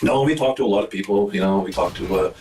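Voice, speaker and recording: Middle-aged detective on an old interrogation tape. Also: male voice, on the low side, fast talker, background noise. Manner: relaxed, chummy, rambling. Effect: played from old interrogation tape footage. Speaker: police detective. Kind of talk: casual interrogation small talk. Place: police station interview room. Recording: echoey room, distant mic, music under.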